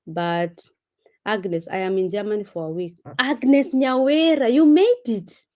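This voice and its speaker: A woman hosts a relaxed live stream, reading viewers' comments aloud and greeting each of them by name. Her voice sits at an ordinary middle pitch, and she talks in an animated, chatty way, slipping Swahili words into her English. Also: measured pace. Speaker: vlogger reading live chat. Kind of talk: casual live-stream chat.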